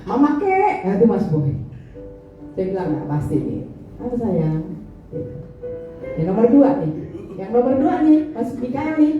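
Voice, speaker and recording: A middle-aged woman pastor delivers a chatty, playful sermon, teasing her congregation in a large church hall. Her voice is on the high side, at a moderate pace with long pauses. The recording is echoey and dull, with a distant mic and music behind her.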